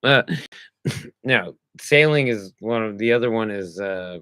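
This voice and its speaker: A man's voice: fairly low pitch, expressive, unhurried, bright, forceful tone, clear, resonant tone, dry recording. Man, co-host, hiccups, crude joking, casual chat, dry close sound. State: has hiccups.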